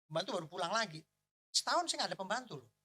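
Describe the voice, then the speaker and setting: Man, pastor, bright forceful voice, animated joking sermon storytelling. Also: sits high, rapid-fire, husky.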